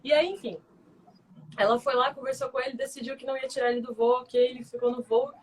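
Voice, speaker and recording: A woman's voice: high voice, fast talker, slightly rough. A young adult woman and former flight attendant who chats casually and tells stories, acting out the voices of the people in them. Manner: animated, acts out dialogue in her stories. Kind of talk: casual chat, storytelling.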